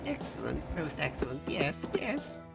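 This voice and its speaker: A woman's voice: low voice, big pitch swings, measured pace, vocal fry, over loud music, full character voice. A woman voicing an alien shopkeeper who fakes being human, speaking in a stilted, overly formal way with musing hums. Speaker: streamer playing a shop game.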